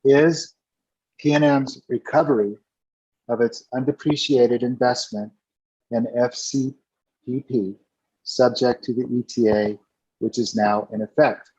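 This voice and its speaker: A husky male judge questions a witness at a formal hearing, stopping and restarting his sentences as he goes. His voice reaches the listener over a remote call that keeps breaking up, muffled and dull in tone. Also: medium pitch, fairly even intonation, measured pace, long pauses, a little mellow. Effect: audio breaking up over a remote connection.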